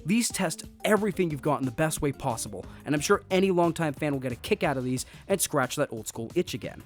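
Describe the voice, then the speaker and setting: A man's voice: a little high, expressive, quick pace. A man narrating a scripted game review with sarcastic, jokey asides, over faint background music.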